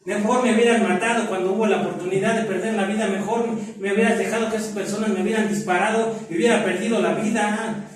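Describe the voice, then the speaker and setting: High-voiced man in a very echoey room. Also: steady tone. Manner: halting, repetitive, coarse Mexican slang. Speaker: recovery group member sharing his story. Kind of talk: personal testimony. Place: meeting room of a recovery group. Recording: very echoey room, voice far from mic.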